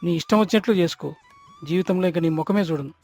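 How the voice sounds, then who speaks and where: A man telling an animated moral story and voicing the characters in a lively, dramatic way. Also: high-pitched, fast, faint music behind.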